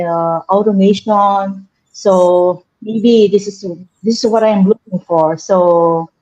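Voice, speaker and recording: A woman's voice: mid-range voice, darkish tone. A woman from the Philippines, a guest on an online panel, speaking with eager enthusiasm. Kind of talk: casual talk on a video call. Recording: dull lo-fi sound.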